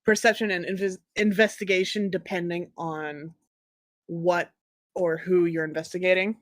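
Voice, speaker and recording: A game master narrating a tabletop game in a halting, improvised way, stumbling over words. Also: mid-range voice, level tone, no room sound, clean studio sound.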